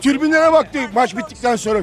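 Hoarse fifty-something man lecturing loudly. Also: very high voice, fairly quick. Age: 50s. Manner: lecturing, insistent, repeats himself. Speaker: football fan. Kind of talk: heated street interview debate. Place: outdoors on a city street.

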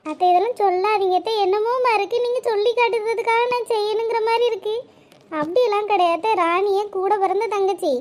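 A woman's voice: extremely high pitch, fairly quick. A woman voicing a kind, reassuring young married woman in a cartoon, speaking in a firm, comforting way. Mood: earnest. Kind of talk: cartoon voice acting.

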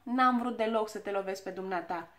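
A woman's voice: mid-range voice, a bit bright, lightly acted. A woman voicing a muttering clumsy little boy. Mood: sheepish. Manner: muttering, sheepish. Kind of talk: storybook reading.

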